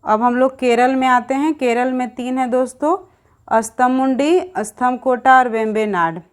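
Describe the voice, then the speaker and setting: A young woman teacher, rattling off long lists of names in a quick exam revision lesson and calling her viewers friends. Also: sits high.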